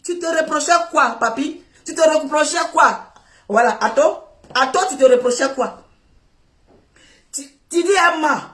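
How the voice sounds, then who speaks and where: Woman scolding some guy in a heated rant, keeps repeating herself, shouts now and then, roomy echo. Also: sits high, a little slow, long pauses. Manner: scolding, repetitive, bursts of shouting. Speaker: online commentator. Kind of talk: heated rant commentary addressed to a man.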